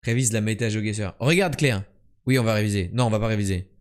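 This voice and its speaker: A young man from France, on the low side in pitch and quick in pace, provides casual live-stream commentary over word and geography games, joking, boasting, and talking with chat.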